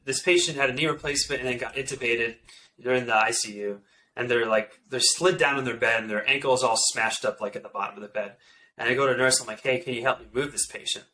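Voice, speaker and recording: A man in his thirties, an orthopedic surgeon, telling stories from residency in a casual, animated way full of "like" fillers. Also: mid-range voice, fast, slight background noise, rough recording. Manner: animated, many "like" fillers, quotes others in asides. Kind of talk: casual podcast storytelling.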